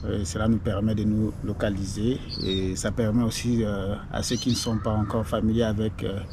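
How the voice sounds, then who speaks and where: A man's voice: lowish voice, little pitch movement, moderate pace, background noise. Hesitant male interviewer. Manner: hesitant with many fillers. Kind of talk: casual interview.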